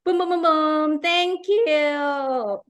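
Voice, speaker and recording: A middle-aged woman from Hong Kong hosts an online interview. Her voice sits a touch high, and she talks with eager enthusiasm, often checking in with her listeners. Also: extremely slow. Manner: eager, enthusiastic, repeats filler checks like "right?" and "okay". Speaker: host.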